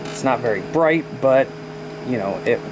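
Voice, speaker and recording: A man's voice: medium pitch, expressive, moderate pace. A plain-spoken, folksy man giving a casual product review as a vlogger. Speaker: radio reviewer. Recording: noisy camera audio.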